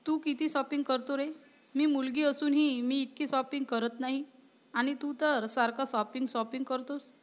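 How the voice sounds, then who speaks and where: Woman voicing a lively lovestruck college girl. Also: high-pitched, normal speed, close to an everyday voice. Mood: playful. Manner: indignant, playful back-talk. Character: lively young woman college student in love.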